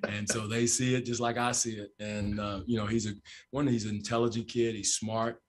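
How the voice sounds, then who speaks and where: A man in his sixties, a basketball coach, answers postgame questions into a table microphone in a press room. His voice sits low and stays level, with little rise or fall. He talks in a measured way, restarts often, and leans on fillers. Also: level tone. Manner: measured, repeats phrases, frequent fillers. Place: press room with sponsor backdrop. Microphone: table microphone in front.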